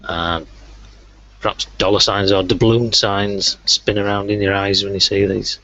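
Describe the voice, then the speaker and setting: A man's voice: fairly low pitch, level tone, a little slow, pushed and bright, no echo, highs cut off. A man narrating a tabletop game as game master, hesitant with many fillers.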